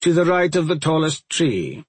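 A man's voice: fairly high pitch, big pitch swings, normal speed, slightly rough, dry recording, pitched above the performer's own voice. A man putting on a stern, scornful witch. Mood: imperious. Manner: imperious, cold, impatient.

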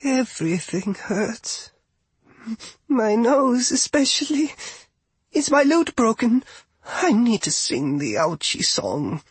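A man voicing a hurt young rabbit girl bard in an audiobook, high-pitched, whimpering and childlike. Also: sing-song, slow, breathy edge, no room sound, exaggerated voice.

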